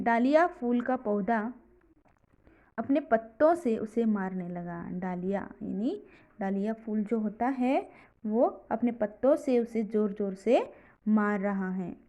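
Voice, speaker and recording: A woman's voice: on the high side, takes it slowly, mellow. A woman teacher with an Indian accent who reads a children's story aloud and then explains each line in simple words. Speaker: school teacher.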